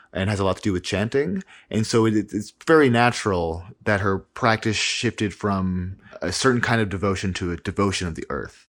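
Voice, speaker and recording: A man hosting a podcast, giving a calm, earnest introduction of a guest teacher. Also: on the low side. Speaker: podcast host. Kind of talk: scripted introduction.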